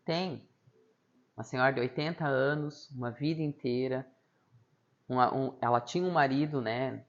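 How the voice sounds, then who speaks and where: A woman's voice: very deep voice, normal speed, lo-fi sound. A woman psychologist with a Brazilian Portuguese accent, a guest in a casual interview, who talks expressively and acts out the people in her stories.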